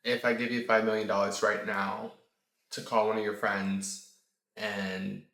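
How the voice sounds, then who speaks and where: A young man hosting a podcast in casual chat, animated and quick to laugh as he hypes up his guest. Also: on the low side, gravelly, roomy sound. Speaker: podcast host.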